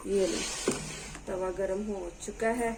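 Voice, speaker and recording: A woman's voice: mid-range voice, steady tone, slow pace, over music, rough recording. A young woman hosting a home cooking tutorial in her kitchen, chatting as she works and pleading with viewers to subscribe. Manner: talks while cooking, voice drops off-mic at times. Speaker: cooking channel host.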